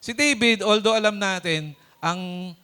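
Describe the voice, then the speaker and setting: A pastor giving a conversational sermon, mixing Tagalog and English, chuckling often and checking in with the congregation with "di ba?" and "Amen?". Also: male voice, high-pitched, a little slow, pushed and bright, clean tone. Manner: chuckles often while preaching; hesitant, with many fillers and restarts.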